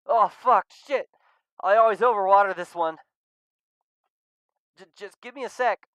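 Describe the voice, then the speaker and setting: Brief: older furry guy, warm and klutzy, voiced higher than the reader's own tone, played by a man, excitable. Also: slow, no echo, full character voice. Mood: flustered. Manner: excitable, rises high when flustered. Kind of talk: visual novel voice reading.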